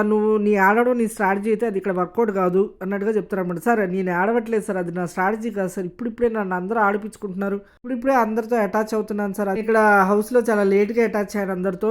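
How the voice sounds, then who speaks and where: A woman's voice: on the high side, darkish tone. A woman reviewing a reality show, retelling scenes casually and quoting each person in turn, with frequent fillers.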